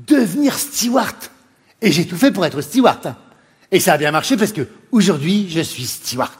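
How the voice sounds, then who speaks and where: A man's voice: high voice, expressive, normal speed, breathy edge, exaggerated voice. A comedian playing a camp, sarcastic male flight attendant with a northern French accent, in a laughing comic monologue. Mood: mocking. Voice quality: flamboyant, mocking, laughing. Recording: roomy reverb with faint ambience.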